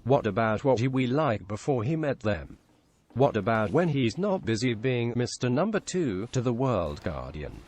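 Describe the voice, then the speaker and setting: A man's voice: medium pitch, very animated, moderate pace, a little mellow. Robotic text-to-speech male voice. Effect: synthetic text-to-speech computer voice. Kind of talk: reading a written story aloud.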